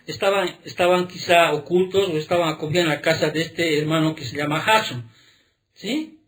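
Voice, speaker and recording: Emphatic bright-voiced male pastor. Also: a little high. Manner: rhetorical questions, frequent "¿sí?" checks; emphatic, drawn-out key words. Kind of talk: sermon.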